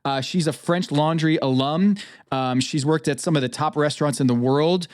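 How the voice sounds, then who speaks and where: A man's voice: fairly high pitch, normal speed. A man from New England hosting a podcast, talking through draft picks casually with frequent ums. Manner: hesitant, frequent ums and uhs. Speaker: podcast host. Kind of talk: casual chat, fantasy draft analysis.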